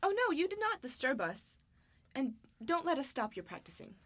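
A woman's voice: high voice, big pitch swings, normal speed. A woman voicing a proud, indignant young princess and new wife in a student radio drama. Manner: haughty, sharp-tongued.

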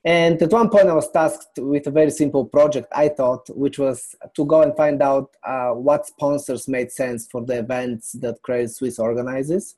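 A middle-aged man from Bulgaria, a company founder explaining his business as a podcast guest in a measured way. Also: medium pitch, steady tone, dark tone. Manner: measured, explanatory, lists items. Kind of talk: business interview.

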